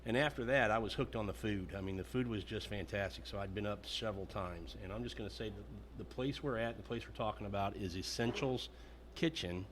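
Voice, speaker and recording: A man's voice: fairly low pitch, a little fast, hardly any pauses, slight background noise. A man hosting a podcast interview on location at a restaurant, talking in a chatty, rambling, enthusiastic way. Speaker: podcast host.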